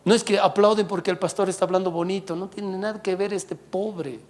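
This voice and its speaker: A male pastor preaching a sermon in church, animated, swinging from loud exhortation to quiet asides. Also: sits high, brisk, slight background noise.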